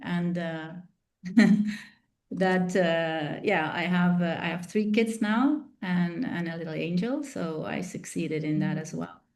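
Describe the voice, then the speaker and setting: A woman's voice: lowish voice, takes it slowly, darkish tone. A middle-aged woman from the Netherlands, a podcast guest telling her life story thoughtfully, with many fillers and restarts. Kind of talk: interview storytelling.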